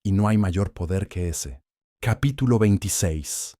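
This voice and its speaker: Deep, dark-voiced male narrator. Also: no echo, clean studio sound. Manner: measured, solemn, with dramatic pauses. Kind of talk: scripted motivational narration.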